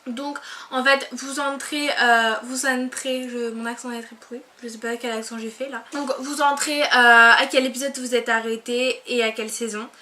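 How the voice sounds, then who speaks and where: Young woman vlogger, bright tone, chatty and filler-heavy, laid-back bedroom talk. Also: fairly high pitch, little pitch movement, normal speed, a little hiss or hum. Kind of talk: casual chat to camera. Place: bedroom, on her bed.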